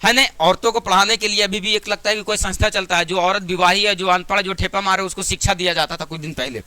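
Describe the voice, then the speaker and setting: A man's voice: high voice, steady tone, quick pace, sharp tone, clean tone, dry recording. A man with a Bihari accent teaching math to a class in a classroom, chatty and joking, sometimes scolding students. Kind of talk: classroom lesson.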